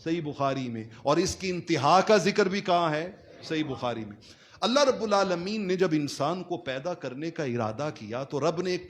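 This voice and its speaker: A man giving a dramatic sermon, asking questions and answering them himself, jumping between loud, rising lines and quiet drops. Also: a little high. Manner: dramatic preaching with sudden swings between loud and soft. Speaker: preacher.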